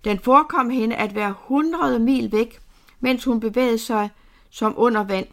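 A woman narrating a novel aloud in a steady, measured storytelling manner. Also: on the high side. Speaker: audiobook narrator.

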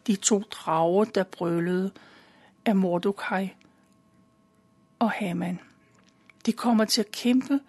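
Husky woman retelling a Bible story. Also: mid-range voice, pauses often. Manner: calm, simple storytelling with occasional fillers.

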